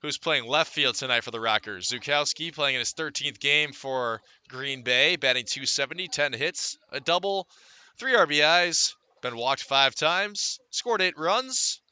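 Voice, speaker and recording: A man with a fairly high, animated voice calls live baseball play-by-play on the radio at a measured pace, his tone sharp and clean. He mixes clipped stat readouts with fuller descriptions of the action.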